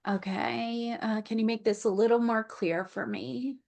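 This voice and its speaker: Slow, high-voiced woman relaying a reading. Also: steady tone, vocal fry, darkish tone. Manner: relays messages slowly and repeats phrases; pauses to ask questions of unseen guides. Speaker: Akashic Records reader. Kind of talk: channeled reading on a group call. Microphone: video call.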